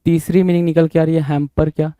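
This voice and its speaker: A man's voice: fairly high pitch, level tone, quick pace, mellow, smooth, dry recording. A man teaching exam vocabulary, often spelling words out letter by letter, repeating them and checking in with his listeners. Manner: frequent check-ins with listeners. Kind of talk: exam-prep vocabulary lesson.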